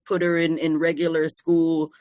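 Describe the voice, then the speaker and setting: A middle-aged woman born in the Caribbean, talking casually as a guest on a podcast, relaxed and quick to laugh. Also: deep voice. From Caribbean, born in Barbados, raised in Jamaica. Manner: relaxed, laughs easily, many fillers. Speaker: psychologist guest.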